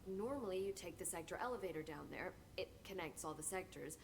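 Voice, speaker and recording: An eager young scientist, low-voiced. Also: female voice, lively intonation, gravelly, a little hiss or hum, rough recording. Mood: briefing. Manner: earnest, chatty, slightly halting.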